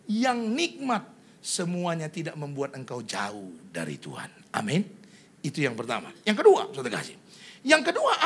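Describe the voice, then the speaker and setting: A middle-aged male pastor preaching a sermon, constantly addressing the congregation and breaking into sudden loud bursts. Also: sits high, breathy edge.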